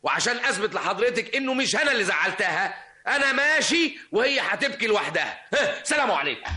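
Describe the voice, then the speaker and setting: A man's voice: high voice, big pitch swings, fast talker, noisy background. An actor playing a cheeky, teasing young man in an old Egyptian radio drama, with an Egyptian accent. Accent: Egyptian Arabic. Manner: teasing, coaxing. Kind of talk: vintage radio drama acting.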